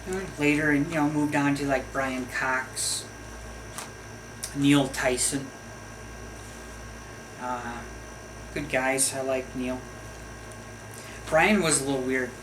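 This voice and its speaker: A man's voice: mid-range voice, steady tone, slow, long pauses. Rambling middle-aged man over background noise. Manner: chatty, wandering, with jokey asides. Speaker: video host. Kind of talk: casual rambling monologue.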